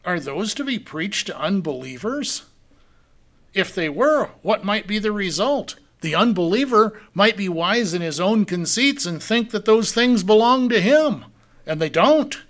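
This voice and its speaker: Slow, bright-voiced male preacher. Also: high-pitched, lively intonation. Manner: deliberate, drawn-out emphasis on key words; rhetorical questions to the congregation. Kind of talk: verse-by-verse sermon.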